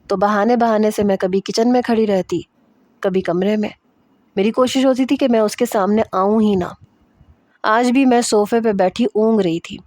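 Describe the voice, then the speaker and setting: A woman's voice: medium pitch, warm tone, dry recording, studio quality. A woman narrating a romance story in the first person, reading steadily and evenly.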